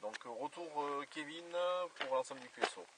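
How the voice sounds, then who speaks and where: Talking at a slightly quick clip with a fairly high-pitched voice, this southern French radio operator uses call-and-reply procedure in a casual exchange. He's outdoors at the roadside, and the radio audio comes through distant and noisy.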